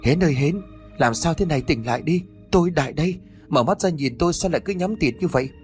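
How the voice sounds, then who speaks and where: A man's voice: mid-range voice, expressive, a little fast, soft background music, natural voice. A man doing a blunt village duck farmer. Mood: urgent.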